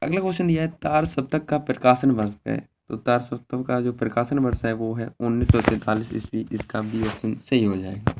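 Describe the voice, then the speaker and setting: A man's voice: medium pitch, fairly quick, hardly any pauses, a little mellow. A male teacher going through an exam paper step by step, repeating each answer and checking in with a short confirming word. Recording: slightly dull lo-fi recording with faint noise.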